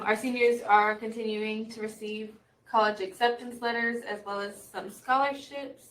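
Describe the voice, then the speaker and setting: A teenage girl giving the student representative's report at a school board meeting, in short updates with some fillers. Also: medium pitch. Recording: echoey room, distant mic, faint noise.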